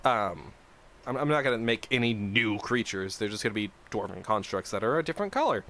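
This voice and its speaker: A man's voice: lowish voice, lively intonation, fairly quick, fairly bright tone, slight background noise. A young man hosting a livestream, chatting casually and rambling with lots of swearing and restarts. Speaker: livestream host designing a game mod.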